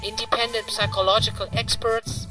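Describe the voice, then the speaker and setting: A woman's voice: fairly high pitch, little pitch movement, normal speed. A woman reading a formal, earnest scripted narration. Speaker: narrator of an advocacy video. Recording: distant dry voice over faint music.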